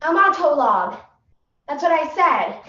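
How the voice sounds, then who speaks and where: A squealing ditzy teen actress. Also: female voice, high-pitched, very animated, a little slow, pushed and bright, pitched above the performer's own voice, heavily acted. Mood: squealy eager. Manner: squealy, overdramatic recitation. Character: ditzy bubbly teenage girl actress. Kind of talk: competitive humorous interpretation. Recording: echoey room, distant mic, dull sound.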